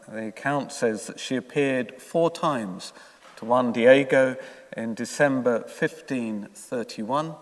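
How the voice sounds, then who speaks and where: A man speaking as a priest at a church service, measured and hesitant, his voice echoing as in a cathedral. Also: mid-range voice. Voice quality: echoing, reverberant cathedral-like sound. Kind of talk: gospel reading and homily. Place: church, heard in long reverb. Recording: long cathedral-like echo.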